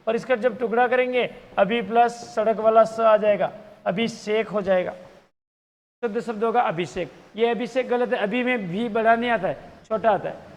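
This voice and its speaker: A man with a strikingly high voice teaches an exam-prep grammar lesson. He quizzes the class and reads the answer options aloud again and again. His voice rings out with a long hall reverb.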